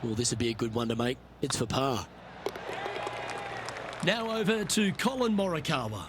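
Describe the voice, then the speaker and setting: A man giving measured, understated golf commentary as the play-by-play announcer. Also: mid-range voice, animated. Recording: crowd and outdoor noise behind voice. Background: crowd and outdoor ambience.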